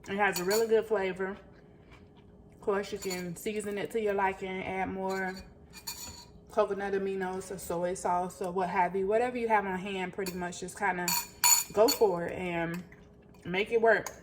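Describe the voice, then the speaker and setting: A woman's voice: mid-range voice, fairly even intonation, normal speed, long pauses, a little hiss or hum. A woman vlogger chatting casually to her viewers while cooking in a home kitchen. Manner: chatty, talks straight to viewers as "guys" and "y'all".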